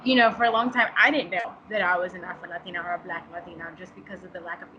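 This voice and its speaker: Racing along in a lowish, steady voice, a New York interview guest talks casually and frankly, restarting often and using many fillers. The audio is dull with a slight hiss or hum.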